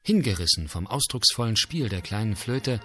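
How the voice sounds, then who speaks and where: A man narrating a storybook tale in an expressive, animated reading. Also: fairly low pitch, normal speed, soft background music. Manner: lively, animated reading with acted voices.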